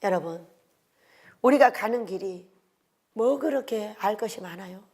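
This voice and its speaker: An older woman preaching a sermon with strong emotion, swinging between loud exhortation and hushed whispers and asking the congregation rhetorical questions. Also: medium pitch, animated, unhurried.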